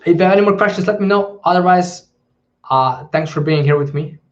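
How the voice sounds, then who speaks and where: A man's voice: high voice, fairly quick. A man hosting a live question-and-answer stream, answering in a hesitant way with many ums and restarts. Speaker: channel host. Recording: dull lo-fi livestream audio.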